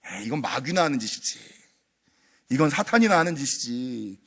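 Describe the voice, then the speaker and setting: A man's voice: medium pitch, sing-song, normal speed, fairly bright tone. A man preaching a sermon as pastor, emphatic and full of rhetorical questions to the congregation.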